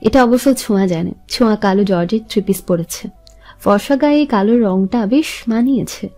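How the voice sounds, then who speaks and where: Mellow woman narrating a love story. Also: medium pitch, normal speed, faint music behind. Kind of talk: scripted romance narration.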